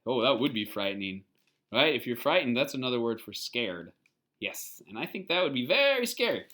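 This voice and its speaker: In a mid-range voice, someone reads a picture book aloud expressively to children, stopping to explain words simply and to ask little check-in questions.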